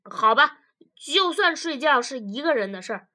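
A woman's voice: high voice, expressive, normal speed, pitched above the performer's own voice. A woman doing a blustering stubborn husband. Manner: loud, blustering, folksy. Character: stubborn blunt working-class husband, defensive.

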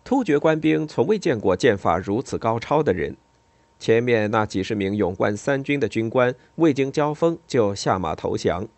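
Brief: male storyteller, animated and dramatic, pitch swinging widely, dry close recording. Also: moderate pace, no echo. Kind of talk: scripted narration of a historical tale.

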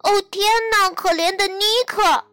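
A woman voicing a little girl bunny, lively and childlike, with loud exclamations in a storybook. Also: sits high, normal speed, no room sound, faint music behind. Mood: excited.

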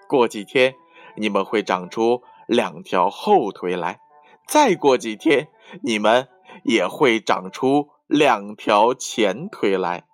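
Man playing mother frog, gentle and cheery, slow lively storybook voice, light music. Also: on the high side, pitched above the performer's own voice, full character voice.

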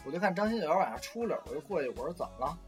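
A man's voice: fairly high pitch, racing, faint music behind. A man hosting a casual radio talk show, telling a drinking story and acting out his friends' voices. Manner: lively storyteller, acts out drunk friend's voice.

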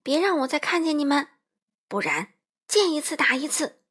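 A woman's voice: fairly high pitch, animated, normal speed, a bit bright. A woman voicing a smug, bossy male wolf who bullies and threatens. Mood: bossy sneering. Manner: sneering, threatening.

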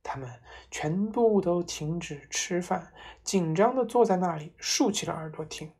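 A woman narrating a children's story in a slow, expressive reading voice. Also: fairly low pitch, slightly rough.

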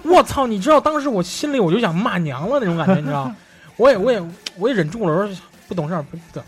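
A man's voice: high voice, rapid-fire. A man, co-hosting a podcast and telling stories in casual chat, acting out the people he quotes. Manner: animated storyteller, acts out quoted exchanges. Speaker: podcast co-host.

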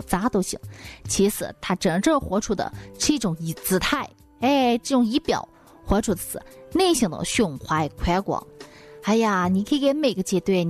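A woman host telling comic stories in a folksy, exclamatory monologue. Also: medium pitch.

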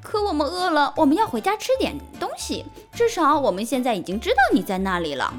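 A woman's voice: high voice, sing-song, brisk, over music. A woman doing a playful young she-elephant. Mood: teasing.

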